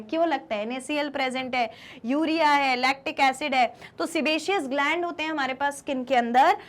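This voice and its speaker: A woman teaching biology for an exam. She mixes languages, reads definitions slowly and asks the class rhetorical questions. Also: high-pitched. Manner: explains in Hindi mixed with English, asks rhetorical questions; reads English definitions slowly, then explains fast. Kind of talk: exam-prep lecture.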